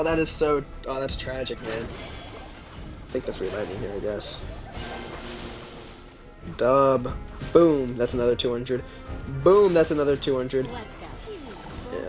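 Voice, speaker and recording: A man casually commenting on his own gameplay during a live stream, laid-back and mumbling asides as he reacts to chat. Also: medium pitch. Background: game music.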